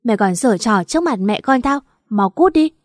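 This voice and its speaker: A woman's voice: fairly high pitch, expressive, brisk, no room sound, studio quality. A woman voicing a furious young man who hurls scornful accusations at his former best friend. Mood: contemptuous. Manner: harsh, scornful outbursts.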